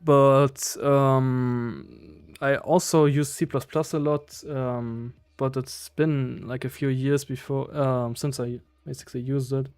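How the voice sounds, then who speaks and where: A man's voice: medium pitch, steady tone, takes it slowly, darkish tone, clean tone, no room sound. A man with a German accent doing casual live coding commentary, hesitantly thinking aloud in fragments. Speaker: live-streaming programmer.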